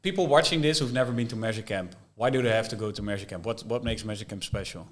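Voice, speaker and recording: A man's voice: lowish voice, fast. A man hosting a podcast interview, casual and friendly, with short affirmations. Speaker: podcast host.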